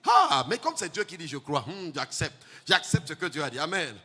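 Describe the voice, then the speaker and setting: A male pastor, preaching a sermon in a chanting, sing-song way that builds to shouts. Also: a little high, wildly swooping pitch, normal speed, slightly rough. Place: church hall. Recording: long hall reverb, faint music.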